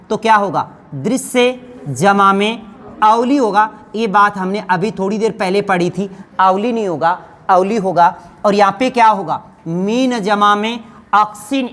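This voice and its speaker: A woman teacher giving a grammar lesson to exam students, asking questions and answering them herself. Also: medium pitch. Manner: addresses students fondly as children.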